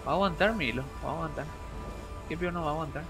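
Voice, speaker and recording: A young man giving casual let's-play commentary, excitable, yelping and groaning as he plays and mixing in English words. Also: on the high side, quick pace. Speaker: gamer streamer. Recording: game music behind the voice.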